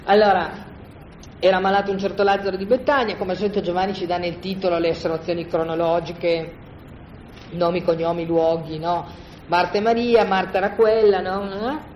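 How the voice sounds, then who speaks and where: A teacher talks a group through a scripture passage in a loose, colloquial way. The voice sits at a mid pitch, often stops to check in with "no?", and restarts its sentences. It was recorded in a roomy space on dull, lo-fi gear with faint background ambience. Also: fairly quick, a little hiss or hum. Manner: conversational, keeps asking "no?" to check in with listeners; colloquial, animated explaining with restarts. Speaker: Bible study teacher. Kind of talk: informal lecture on scripture. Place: room with a group of listeners.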